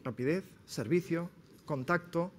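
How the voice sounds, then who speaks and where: A man from Spain giving a sales seminar to entrepreneurs, lively and quizzing his audience. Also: on the high side, unhurried, a little hiss or hum. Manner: lively, questions the audience directly. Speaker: speaker at a business talk. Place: seminar room.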